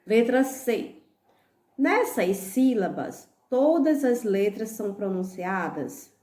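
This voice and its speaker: A woman with a Brazilian accent teaching young children. She corrects homework slowly and patiently, spelling out syllables letter by letter and often checking in with "tá bom?". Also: mid-range voice, lively intonation, mellow, reverberant. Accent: Brazilian Portuguese. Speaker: primary school teacher. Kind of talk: recorded lesson, correcting homework.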